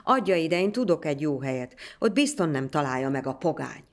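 A woman's voice: low voice, expressive. A woman voicing a bold, cheeky young shepherd boy in a storybook tale, talking eagerly. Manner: eager, breathless.

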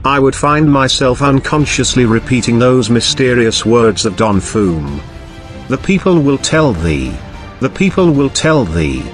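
A man reading an audiobook aloud in a measured, old-fashioned storytelling manner. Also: mid-range voice. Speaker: audiobook narrator. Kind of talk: scripted audiobook narration.

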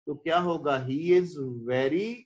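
A man's voice: a little high, slow, dull audio. A middle-aged man from Pakistan giving an English lecture in Urdu, quizzing students and translating line by line. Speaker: English teacher.

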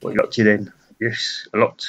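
A man's voice: on the low side, completely flat delivery, moderate pace, vocal fry, a bit bright, breathy edge. A man giving an improvised, mocking director's commentary, rambling with many hesitations. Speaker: video commentator.

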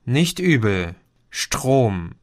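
A man's voice: medium pitch, moderate pace, close to an everyday voice. A man reading an audiobook, voicing a grumpy young man who grumbles and mocks. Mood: grumbling. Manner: grumbling, mocking.

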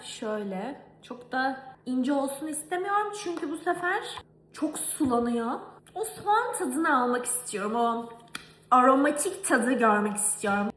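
A young woman from Turkey telling a story in a casual cooking vlog, animated and exasperated. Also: high voice, reverberant, slight background noise. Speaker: vlogger. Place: home kitchen.

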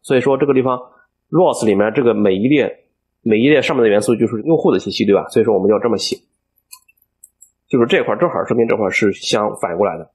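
A man teaching a coding tutorial over a screen recording, explaining each step aloud and filling pauses as he thinks. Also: fairly low pitch, lively intonation, darkish tone, breathy edge. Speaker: programming instructor.

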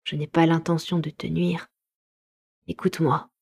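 A woman voicing a lonely, vengeful male creature in measured, menacing tones in a storybook reading. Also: sits low, little pitch movement, creaky, a little mellow, breathy edge, full character voice.

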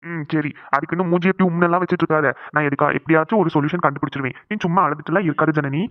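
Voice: medium pitch, fairly even intonation, very fast, no room sound, lightly acted. A performer voicing a worried young man in a cartoon who soothes and coaxes his tearful sweetheart. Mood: coaxing. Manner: soothing, coaxing. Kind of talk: cartoon voice acting. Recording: dry, tinny phone-like sound.

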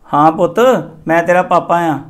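An actor playing a middle-aged father who speaks gently and patiently. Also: on the high side, level tone, moderate pace, lightly acted.

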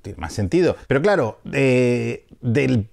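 A man's voice: mid-range voice, animated, slow, vocal fry, darkish tone. A middle-aged man from Spain with a Peninsular Spanish accent, giving a casual, jokey video review as a film critic with rambling asides.

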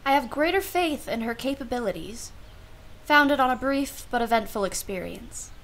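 A woman with a fairly high, slightly bright voice plays a wry, genteel aunt in a radio play, speaking at a normal speed with lively intonation. The character claims to be unsentimental, and she muses in an arch, formal manner.

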